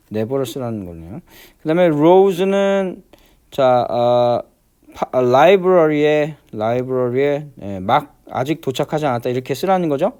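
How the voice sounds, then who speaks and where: A man teaching an English grammar lesson, walking through exercises step by step and constantly asking whether students follow, stretching out the English words slowly. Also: on the high side, a little mellow, clean tone. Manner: repeats check-in questions, many fillers; slows down to spell out English words.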